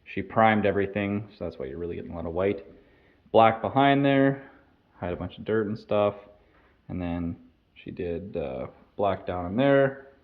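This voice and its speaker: A young man with a low-pitched voice chats through his building project and explains each step as he goes. The audio is dull and slightly muffled, recorded outdoors on site. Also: lively intonation, moderate pace, no echo. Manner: chatty, explains the work as he goes. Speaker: vlog host building a home. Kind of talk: casual build-update vlog.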